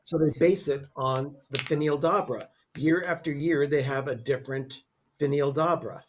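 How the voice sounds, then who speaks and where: A man's voice: a little high, normal speed, a little hiss or hum. A man co-hosting a casual movie watch party from his dining room, chatting and greeting viewers. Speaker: co-host.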